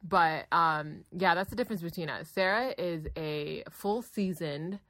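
A young woman in her twenties co-hosting a casual podcast, talking in a flat, drawling way with lots of fillers. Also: on the low side, unhurried, dry recording. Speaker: podcast co-host. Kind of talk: casual chat.

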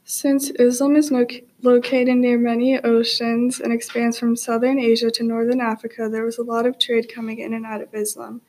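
Higher-pitched, even-toned teenage girl. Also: normal speed, few pauses, a little hiss or hum. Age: teenager, ninth grader. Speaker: student. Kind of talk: prepared classroom answers.

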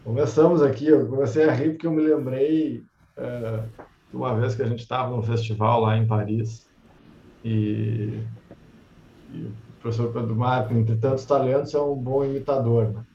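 A man hosts an online book club in a relaxed, chatty way, laughing easily and reading passages slowly. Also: medium pitch, slight background noise. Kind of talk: casual live-stream chat. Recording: roomy, muffled lo-fi sound.

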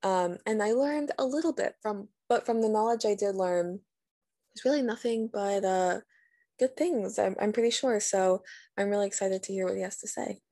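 A woman's voice: mid-range voice, moderate pace, dark tone. A young woman, a student, interviewing someone in a friendly, upbeat way with short encouraging replies. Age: young adult. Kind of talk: casual interview.

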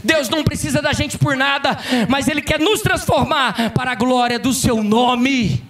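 A pastor delivers a fervent sermon in a strikingly high, sharp voice, rising into shouts. He sounds set back from the microphone, with soft music playing behind him. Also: normal speed, distant mic. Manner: fervent preaching, bursting into shouts. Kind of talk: impassioned sermon. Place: church conference hall.

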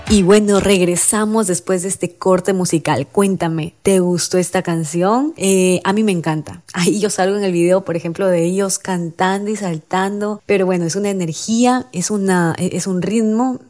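A woman hosts a talk show in a low, mellow voice. She speaks earnestly and straight to the listener. Her speech is loose and full of fillers. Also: fairly even intonation, normal speed, hardly any pauses. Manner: earnest, addresses the listener directly, many fillers. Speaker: radio show host. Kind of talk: motivational talk show monologue.

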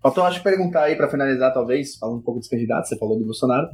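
Male interviewer, quick relaxed delivery, faint background music. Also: mid-range voice. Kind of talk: casual interview questions.

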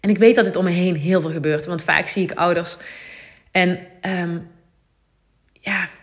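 A woman's voice: fairly low pitch, fairly even intonation, a little slow. A woman in her thirties with a Dutch accent, hosting a solo podcast in an earnest, confiding way, thinking aloud with many fillers. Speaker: podcast host. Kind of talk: reflective solo podcast talk.

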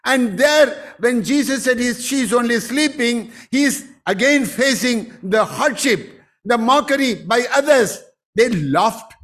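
A man's voice: very high voice, animated, measured pace, a bit bright. A man preaching a sermon as pastor, emphatic and rising into exclamations.

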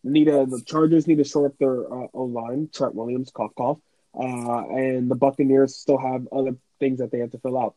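A man co-hosting a podcast, chatting casually and in an animated way about football, with quick asides. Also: medium pitch, no echo, rough recording. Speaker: podcast co-host. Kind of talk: casual sports podcast chat.

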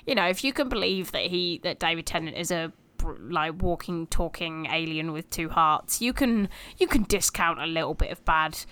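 A woman's voice: fairly low pitch, moderate pace, hardly any pauses, clear, resonant tone. A woman co-hosting a podcast, chatting expressively in a casual review of TV episodes. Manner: chatty, expressive, laughs easily. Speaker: podcast co-host.

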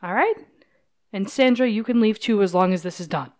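A woman's voice: mid-range voice, brisk, a little mellow, natural voice. A woman voicing a firm male gang boss who lays down orders. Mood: stern. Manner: firm, commanding.

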